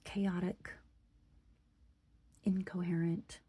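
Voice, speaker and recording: A woman's voice: lowish voice, flat delivery, drawn-out words, breathy edge. A woman whispering a late-night update about her reading in a book vlog. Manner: whispering, hushed. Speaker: book vlogger.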